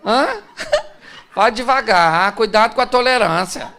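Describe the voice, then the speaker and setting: A man's voice: high-pitched, expressive, takes it slowly, creaky, sharp tone. A man with a Brazilian Portuguese accent, a pastor giving a conversational, humorous sermon and speaking directly to his audience. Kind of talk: sermon on relationships.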